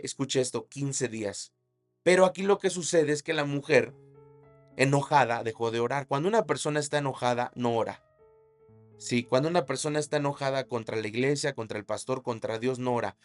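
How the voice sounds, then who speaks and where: Male preacher, mid-pitched, animated storytelling sermon over faint music. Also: brisk. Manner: dramatic storytelling preaching, shouted sound effects. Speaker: pastor.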